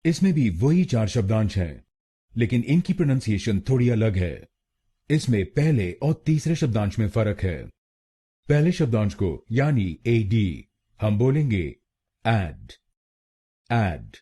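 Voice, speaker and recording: Indian male tutor, lowish dark husky voice, slow and careful, lively pitch. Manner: slow, careful, repeats each syllable. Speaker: pronunciation teacher. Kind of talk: scripted tutorial narration.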